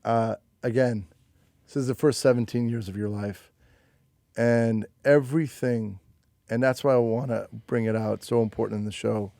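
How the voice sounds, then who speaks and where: A male host guides an interview with emphatic, repeating questions. His voice is mellow and smooth, at a mid pitch. The room sound is dry and close. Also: steady tone, normal speed, no echo. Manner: leading, emphatic, repeats phrases while framing questions. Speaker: podcast host. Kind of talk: interview conversation.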